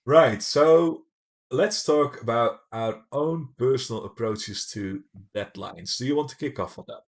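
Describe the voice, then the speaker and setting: A man with a Dutch accent co-hosting a casual livestream, jokey and teasing, with quick asides. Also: mid-range voice. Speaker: library livestream co-host. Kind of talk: casual chat.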